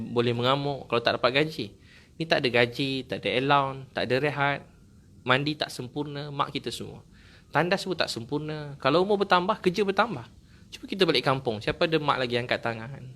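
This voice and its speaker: A man's voice: medium pitch, quick pace, a bit bright. A man with a Malaysian accent preaching a sermon, telling a personal story in a heartfelt, earnest way with repeated phrases.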